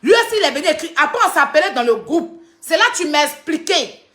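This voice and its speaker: A woman, ranting heatedly and defensively on a livestream, retelling a quarrel in a rapid flow. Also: high-pitched, sing-song, a bit bright. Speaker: social media personality. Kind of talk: livestream rant addressing critics.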